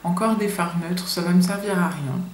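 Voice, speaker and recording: A young French beauty vlogger does her first makeup review, chatting nervously to the camera with plenty of fillers. Her voice is lowish and her pace moderate. The camera mic records her in an echoey room with a faint hiss.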